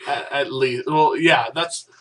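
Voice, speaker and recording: A man's voice: mid-range voice, steady tone, slow pace, a bit bright, far from the mic. A man co-hosting a casual news-chat podcast, joking and rambling as he talks. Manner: joking, rambling, self-deprecating. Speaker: podcast co-host.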